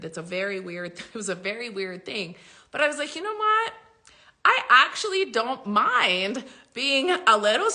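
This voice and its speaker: In a mid-range, sharp-toned voice, a woman spiritual coach chats casually with her followers as if on a livestream. She's emphatic, curses without hesitation, and laughs a lot.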